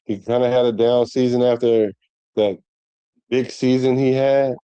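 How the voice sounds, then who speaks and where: A man's voice: medium pitch, steady tone, unhurried, dark tone, clear, resonant tone, dry recording. A man hosting a sports show, talking casually to his viewers in a rambling way full of restarts. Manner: rambling, conversational, with many restarts and fillers.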